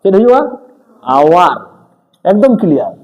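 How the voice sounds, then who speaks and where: A man's voice: sits high, very animated, moderate pace, darkish tone, highs cut off. A male teacher giving a grammar lesson, speaking straight to his students and checking again and again that they follow. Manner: speaks directly to students, mixing in English terms. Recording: echoey room with long reverb.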